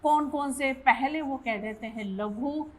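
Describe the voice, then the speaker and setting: Slow, patient woman teaching grammar. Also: high-pitched, rough recording. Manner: asks questions and answers them herself; repeats definitions slowly. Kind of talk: classroom lesson.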